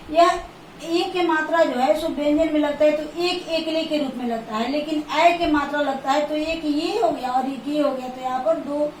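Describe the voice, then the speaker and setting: A woman teacher giving a slow grammar lesson, repeating and counting points aloud. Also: high-pitched, distant mic, a little hiss or hum. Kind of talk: classroom lesson. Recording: echoey room, voice from off the mic.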